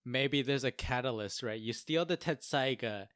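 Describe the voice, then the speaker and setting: A man's voice: medium pitch, moderate pace, no echo, clean studio sound. A man co-hosting a podcast, chatting casually and jokingly, with many fillers. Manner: animated, filler-heavy, jokey. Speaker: podcast co-host. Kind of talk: casual chat.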